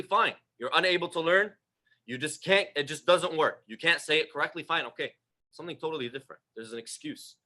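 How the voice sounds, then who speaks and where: A man with a high, sharp voice delivers a religious lecture as a teacher of the faith. He is direct and emphatic, peppering his listeners with rhetorical questions.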